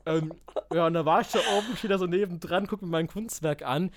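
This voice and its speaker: A man telling a story in casual chat, animated, acting out quotes, swearing and laughing. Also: sits high, fairly quick, heavy background noise. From village.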